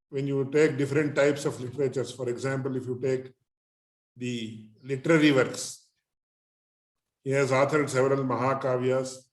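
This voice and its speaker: A man teaching in a measured, deliberate way, phrase by phrase, as in a scholarly religious lecture. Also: mid-range voice, a little mellow. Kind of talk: lecture on Sanskrit literature and philosophy. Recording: echoey, roomy sound.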